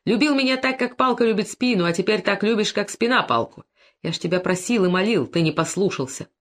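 A woman reading an audiobook, voicing a bitter Cossack who answers his former master with steady scorn. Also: medium pitch, brisk, close to an everyday voice. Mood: scornful. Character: grim bitter vengeful male Cossack.

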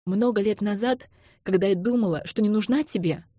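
A woman reading the lines of a young woman who speaks softly and then cries out in desperation, in an audiobook. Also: mid-range voice, fairly quick, no echo, clean studio sound, voice pushed up, natural voice. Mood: desperate. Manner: soft voice breaking into pleading cries.

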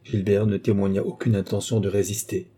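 A man narrating a literary audiobook in a measured, even reading. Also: lowish voice, breathy edge.

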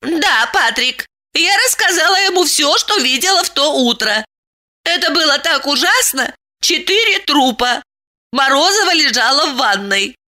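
A woman's voice: sits high, lively intonation, moderate pace, pushed and bright, pitched above the performer's own voice. A woman voicing a chatty, gossipy female neighbor.

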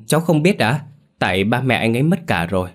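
A man's voice: mid-range voice, very animated, fast, voice pushed up, lightly acted. A man voicing a frightened young boy who pleads hurriedly and politely. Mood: anxious.

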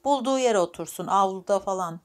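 A woman's voice: mid-range voice, fast, close to an everyday voice. A woman voicing a practical farm mother in an audiobook, who speaks in a matter-of-fact way.

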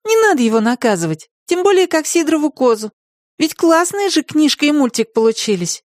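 An excited young girl, voiced by a woman, squeals in a very high, animated voice. She sounds eager and pleading. The recording is close and dry. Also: a little fast, no echo. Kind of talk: audiobook character voice.

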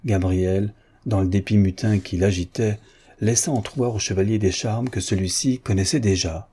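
Male audiobook narrator, measured, dark and husky. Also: on the low side. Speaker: audiobook reader. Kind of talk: scripted narration.

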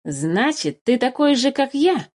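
A woman's voice: fairly high pitch, animated, normal speed, a little mellow. Woman putting on a sly little forest changeling. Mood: sly insistent. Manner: chirpy, wheedling, unbothered. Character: small sly male forest changeling, cheerful trickster.

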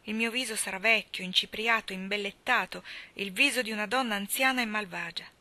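A woman voicing an aging woman who is fearful and desperate, speaking in a tense, hushed way. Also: medium pitch, brisk.

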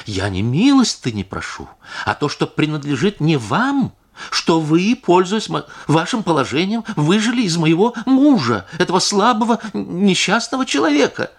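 A man's voice: a little high, animated, moderate pace, pitched above the performer's own voice. A male audiobook reader voicing a distraught, indignant noblewoman who pleads and accuses by turns. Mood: bitter. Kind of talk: audiobook character reading.

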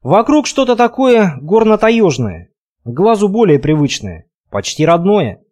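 A man reads a first-person adventure audiobook with expressive, conversational storytelling. His voice sits high for a man and moves a lot, climbing and dipping through each sentence. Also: unhurried. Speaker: audiobook narrator.

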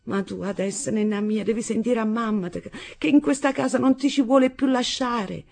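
A woman's voice: a little high, normal speed, vocal fry, darkish tone, voice pushed up. A woman reading an audiobook voices a superstitious, scolding middle-aged mother with a dramatic, lamenting delivery. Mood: conspiratorial.

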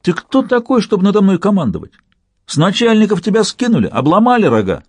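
A man voicing a brash, rowdy young man who bullies and threatens, loud and sing-song. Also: a little high, very animated, normal speed, husky, no room sound, pitched above the performer's own voice, heavily acted. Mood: furious.

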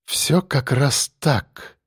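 A man voicing a frightened young woman who pleads with her captor, high and strained, tearful. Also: expressive, moderate pace, a little mellow, no echo, clean studio sound. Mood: calm persuasive. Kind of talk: audiobook character voice.

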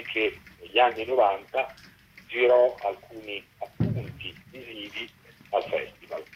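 A documentary co-director being interviewed on radio explains his work at length in long, articulate sentences. He has a mid-range, husky male voice, heard over a dull, lo-fi, phone-like line.

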